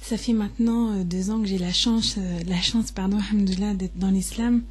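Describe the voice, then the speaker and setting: A woman in her twenties giving a personal testimony, hesitant and deeply moved, often pausing and restarting. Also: steady tone, slightly rough. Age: 20s.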